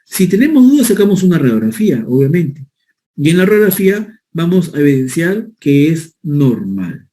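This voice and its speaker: A man's voice: on the high side, big pitch swings, normal speed, dark tone. A man giving a medical lecture, explaining step by step and often checking in with his listeners. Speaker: physician lecturer.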